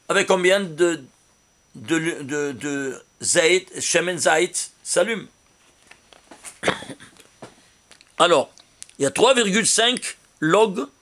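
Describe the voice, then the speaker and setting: A man, a rabbi, giving a Torah lesson on numerology with an animated manner, firing rhetorical questions at his listeners. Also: sits high.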